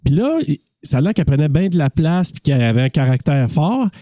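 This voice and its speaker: A man's voice: on the high side, very animated, a little fast, mellow, no room sound, studio quality. A man with a Quebec French accent co-hosting a casual film podcast, rambling with many fillers and restarts. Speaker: podcast co-host.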